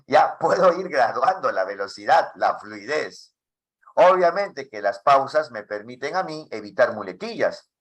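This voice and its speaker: A man teaching a class for teachers, asking many questions in a lively way. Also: medium pitch. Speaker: teacher trainer.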